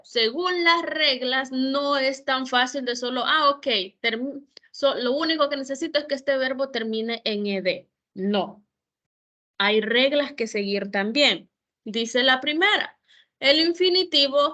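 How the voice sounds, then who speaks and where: A woman's voice: high voice, sharp tone. A woman tutor giving an online grammar lesson, explaining each rule patiently, step by step, with examples. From El Salvador. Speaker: English tutor.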